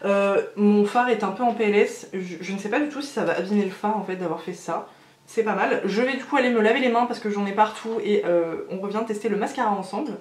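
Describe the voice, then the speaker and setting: A woman's voice: mid-range voice, fast, reverberant. A woman chatting casually through a makeup tutorial, gushing over each product with lots of hesitations. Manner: chatty and gushing, many fillers. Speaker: beauty vlogger.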